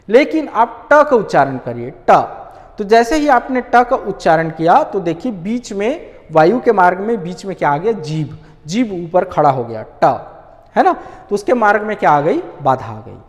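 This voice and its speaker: Exam-prep teacher, animated pitch, self-answering questions, repeats points, echoing room. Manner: demonstrates sounds aloud.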